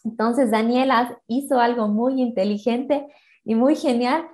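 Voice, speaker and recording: A woman's voice: a little high, measured pace, a little mellow. A woman teaching a Bible story as a sermon. She tells it like a storyteller, acts out quoted speech, and often checks in with tag questions.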